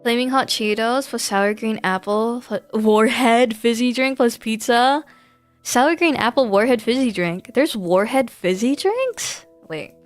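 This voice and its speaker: Over background music, this woman streams a game and chats in a casual, giggly, rambling way. Her voice runs on the high side, expressive and unhurried.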